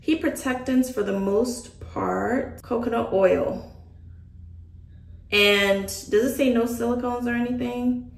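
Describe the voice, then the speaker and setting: A woman chatting to camera as a hair vlogger, thinking out loud with joking asides. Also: a little high, slow pace, vocal fry. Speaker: beauty vlogger. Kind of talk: casual chat to camera. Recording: echoey room from a distant mic.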